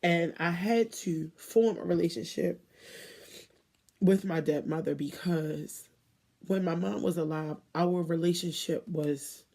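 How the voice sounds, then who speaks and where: A woman in her thirties giving a candid, emotional personal monologue to viewers, with emphatic pauses and blunt swearing. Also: lowish voice, a little mellow. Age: 30s.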